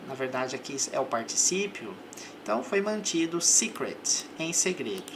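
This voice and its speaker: A woman's voice: very deep voice, very animated, moderate pace, noisy background. A woman gives a patient vocabulary lesson, repeating each word and example. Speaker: English teacher. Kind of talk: slow, methodical vocabulary lesson.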